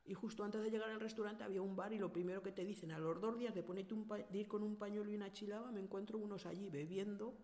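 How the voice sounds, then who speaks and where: A woman's voice: medium pitch, fairly even intonation, fast, hardly any pauses, warm tone, in a large hall. A middle-aged woman with a Spanish accent from Spain, telling her personal story in a casual interview, earnest and direct, acting out past conversations.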